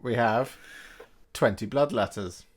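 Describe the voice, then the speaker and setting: A man hosting a casual hobby chat, talking through his own work in a relaxed, joking way. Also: medium pitch, slow pace, a little hiss or hum.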